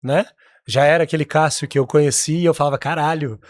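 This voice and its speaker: A Brazilian man hosting a casual interview podcast, relaxed and quick to agree and laugh along. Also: fairly high pitch. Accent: Brazilian Portuguese. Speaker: podcast host.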